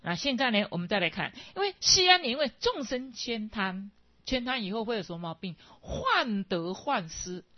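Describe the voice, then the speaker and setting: Husky Taiwanese woman giving a dharma talk. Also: medium pitch, lively intonation, moderate pace, no room sound. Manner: digressive, mixes in Hokkien, frequent tag particles. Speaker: Buddhist teacher. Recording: dull, lo-fi dry recording.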